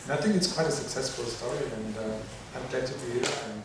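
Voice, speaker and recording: A man's voice: mid-range voice, fairly quick. A man from Germany, a visiting delegate, giving a polite, brief self-introduction. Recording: echoey hall, mic far off, noisy.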